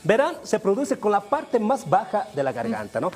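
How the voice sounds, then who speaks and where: A man's voice: high voice, huge pitch swings, normal speed, a little mellow, breathy edge, soft background music. A man from Bolivia teaching an Aymara language lesson on television, addressing viewers as brothers while he explains.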